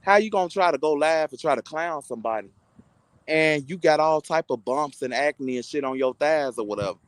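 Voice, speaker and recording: A man's voice: on the high side, lively intonation, a little fast, dry recording, rough recording. Profane man ranting to his viewers. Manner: heated, insulting, mocking. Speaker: content creator. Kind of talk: profane rant to his online audience.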